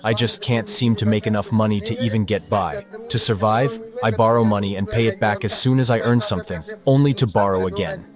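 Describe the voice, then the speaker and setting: A man's voice: fairly low pitch, fairly quick, hardly any pauses. A man from Bangladesh speaking as an interviewee in a plain, earnest way.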